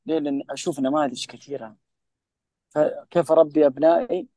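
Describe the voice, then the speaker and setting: A mental health specialist with a Saudi Gulf Arabic accent appears as a podcast guest, giving impassioned, preachy advice with emphasis and often addressing the listener directly. His fairly high, warm voice moves quickly with fairly even intonation; there's no echo, but the audio is poor.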